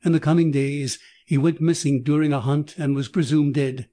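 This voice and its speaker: Text-to-speech guy reading an audiobook, mellow and kinda high for a man, very dry sound. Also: level tone, normal speed, no echo. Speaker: audiobook narrator. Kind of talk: scripted audiobook narration.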